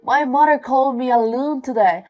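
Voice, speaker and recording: A woman voicing a pregnant young wife who is apologetic and worn down, speaking softly and pleadingly in a scripted domestic drama. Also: high-pitched, moderate pace, lo-fi sound, faint music behind, lightly acted. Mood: explaining.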